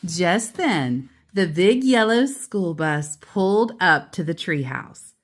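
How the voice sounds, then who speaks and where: Reading a children's book aloud, a female storyteller uses a fairly low pitch, phrasing things expressively, deliberately and emphatically while tossing in casual asides.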